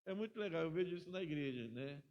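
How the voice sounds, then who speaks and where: A middle-aged man, a pastor teaching a Bible school class in a chatty way, often ending sentences with a quick tag question. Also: a little high, lively intonation, dull audio.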